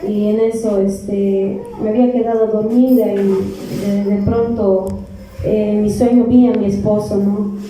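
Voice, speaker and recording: A woman's voice: mid-range voice, little pitch movement, measured pace, warm tone, a little hiss or hum. A woman with a Peruvian accent giving an earnest testimony to a church congregation, repeating words as she goes. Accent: Peruvian Spanish. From Peru. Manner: earnest, repeats words, addresses listeners as beloved brethren. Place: church hall. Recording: echoey church from far off.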